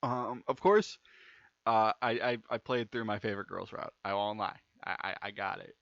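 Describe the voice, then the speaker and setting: Game music plays behind this young man's let's play, recorded on a dull lo-fi mic, as he reads game text aloud informally and stumbles over repeated words. He speaks at normal speed in a lowish, gravelly, slightly bright voice with no echo.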